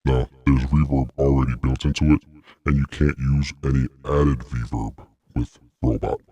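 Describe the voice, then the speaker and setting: A man talking through a robot voice changer, calmly explaining its settings. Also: extremely low pitch, moderate pace, husky, no room sound, dull audio, pitched below the performer's own voice. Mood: flat. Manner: plain explaining, testing the effect. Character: flat robotic male machine voice.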